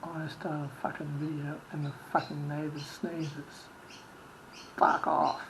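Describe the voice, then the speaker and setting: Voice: medium pitch, level tone, measured pace, vocal fry, a bit bright, poor audio. A vlogger with a campy, theatrical diva-like manner talks casually to viewers, blunt and sweary. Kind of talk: casual opinion vlog, talking to viewers. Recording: noticeable background noise.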